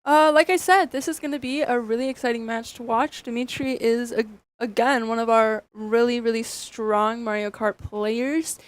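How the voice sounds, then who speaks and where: A woman's voice: on the high side, fairly even intonation, moderate pace, hardly any pauses, dry recording. A young woman co-casting a college esports match in a chatty, upbeat way with plenty of fillers. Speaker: esports co-caster. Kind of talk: casual esports commentary.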